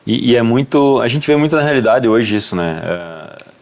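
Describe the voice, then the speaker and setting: Male host, interview questions, measured and searching for words. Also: mid-range voice, animated. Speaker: talk show host. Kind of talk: talk show interview.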